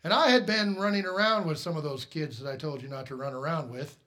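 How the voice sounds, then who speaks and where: A middle-aged male pastor preaching a sermon, telling a personal story, shifting from quiet asides to loud, emphatic peaks. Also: a little high, fast.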